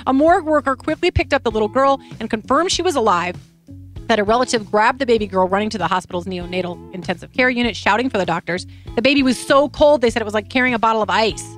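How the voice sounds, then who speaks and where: This is a woman host with a rather high voice, reading the news in a loose, chatty way. She gets emotional as she tells the story and trips over her own words, starting sentences again. Faint music plays softly behind her. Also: animated, fast. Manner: warm-hearted, emotional storytelling with restarts. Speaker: talk show host. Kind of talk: casual news chat.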